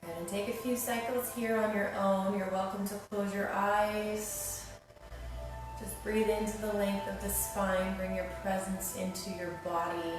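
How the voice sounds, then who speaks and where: A soothing female yoga teacher guides a class with unhurried, gentle instruction. Her mid-pitched voice comes from some distance in a very reverberant room, with music clearly playing behind her. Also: level tone.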